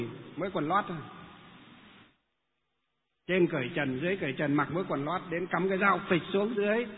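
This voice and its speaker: A man who is a Buddhist monk, telling a story and asking himself questions. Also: high voice. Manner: lively, rhetorical questions. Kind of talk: storytelling talk. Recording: tinny phone-like sound with long reverb and faint noise.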